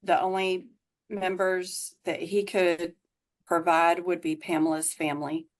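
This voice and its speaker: A woman's voice: on the low side, flat delivery, unhurried. A woman testifying as an investigator in a courtroom recording, giving formal, brief, factual answers.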